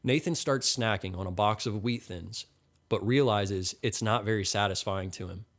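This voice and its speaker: A man reading a crude comedy story as scripted narration, deadpan. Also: lowish voice, moderate pace.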